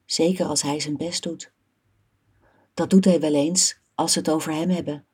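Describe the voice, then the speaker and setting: A woman reading a children's story aloud as narrator, soft and even. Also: low-pitched, normal speed, husky.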